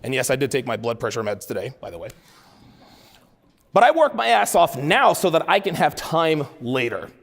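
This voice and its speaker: A man's voice: mid-range voice, very animated, normal speed, creaky, fairly bright tone. A man in his forties giving a blunt, profane motivational keynote speech to a live conference audience, hammering points with repeated phrases. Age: 40s. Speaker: keynote speaker. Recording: speech in a large reverberant hall.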